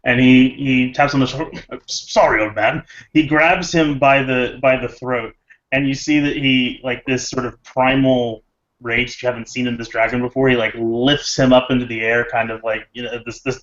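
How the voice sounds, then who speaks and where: A man's voice: medium pitch, a bit bright, dull audio. A man playing a tabletop role-playing game, narrating his character's actions in a rambling way with many fillers. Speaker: player. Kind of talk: casual tabletop play and narration.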